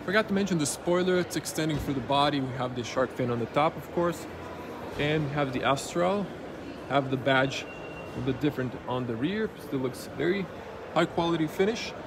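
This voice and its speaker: A man's voice: fairly high pitch, a little fast. Man reviewing a car at a noisy show. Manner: plain, matter-of-fact pointing out of details. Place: indoor auto show hall. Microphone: handheld camera. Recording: noisy auto show floor.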